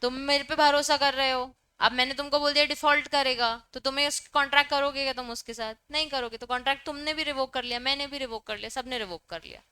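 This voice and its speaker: Bright, high-voiced woman teaching law. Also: fairly even intonation, fast, hardly any pauses. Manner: explains with everyday examples, mixes Hindi and English. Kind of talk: classroom law lecture. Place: classroom.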